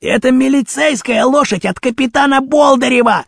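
A man voicing a gruff, heavyset male thug who barks rough threats in a story reading. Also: extremely high pitch, expressive, moderate pace, fairly bright tone, no echo, clean studio sound, voice pushed up, full character voice. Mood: menacing.

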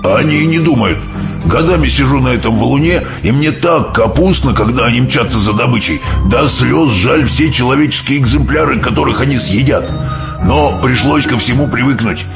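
Guy doing a deep rough gentle giant, mixes up his words, dull lo-fi audiobook with soft music. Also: expressive, normal speed. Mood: rueful. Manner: mangles words into odd coinages. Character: big kindly giant, gentle, muddled with words.

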